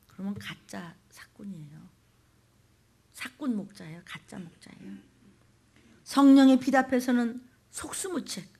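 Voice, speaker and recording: A woman pastor giving a fiery sermon in a church. She jumps between loud declarations and hushed whispers, and puts blunt questions and commands straight to her listeners. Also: mid-range voice, breathy edge.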